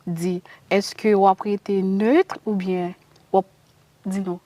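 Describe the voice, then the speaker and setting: A woman's voice: mid-range voice, little pitch movement, slow pace, dark tone. A woman, asking friendly questions as interviewer in a casual talk show.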